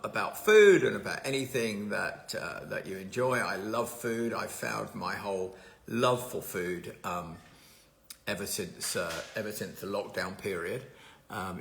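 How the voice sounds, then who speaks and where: Chatty man with a gravelly voice. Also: on the low side, fairly bright tone. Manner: rambling, chatty, greets viewers by name. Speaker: host of a live stream. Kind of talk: casual live-stream chat. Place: at home.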